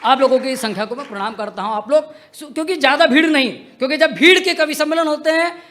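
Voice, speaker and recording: A man's voice: extremely high pitch, fast talker, pushed and bright, slight background noise. A young adult man performing comic poetry on stage into a microphone, teasing the audience in a playful joking manner. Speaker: comedic poet. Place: outdoor stage tent at a poetry gathering.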